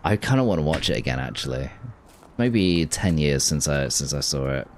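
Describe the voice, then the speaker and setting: A man's voice: a bass voice, lively intonation, moderate pace, a little hiss or hum. A man chatting casually while streaming a game, rambling and restarting his sentences. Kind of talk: casual gameplay chat with chat.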